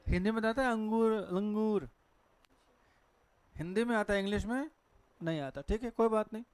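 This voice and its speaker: Male teacher with a Hindi accent, high clear voice, dry sound, quizzing the class and answering himself. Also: moderate pace, dry recording. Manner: asks the class questions and answers them himself. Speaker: English teacher. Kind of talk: classroom lecture on pronunciation. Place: classroom with a board.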